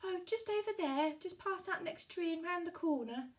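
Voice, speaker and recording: A woman playing an innocent, sweet little girl in a puppet fairy tale, wide-eyed and sing-song with drawn-out words. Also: extremely high pitch, lively intonation, voice pushed up. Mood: cheerful. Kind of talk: puppet-show storytelling.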